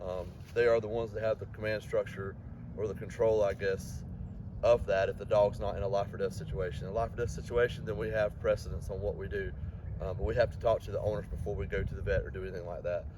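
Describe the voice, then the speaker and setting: A man's voice: lowish voice, little pitch movement, fast talker, noisy background. A man working as a dog trainer, explaining each step of a walk while giving his dog commands outside. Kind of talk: outdoor training demonstration.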